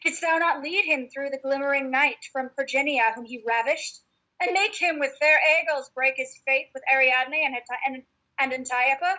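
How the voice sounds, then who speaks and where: Girl playing bossy jealous fairy king, hammy stage shakespeare, high sharp voice. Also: normal speed, poor audio. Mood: accusing, commanding. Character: imperious, jealous male fairy king Oberon. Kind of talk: Shakespearean verse stage acting in rehearsal.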